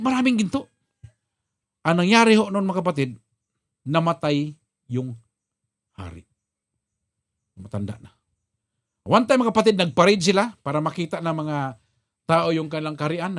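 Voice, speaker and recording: A man's voice: high voice, a bit bright. A Filipino man preaching a sermon, telling a story dramatically and acting out the characters' lines while addressing the congregation as brothers and sisters. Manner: addresses congregation as "mga kapatid". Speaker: pastor.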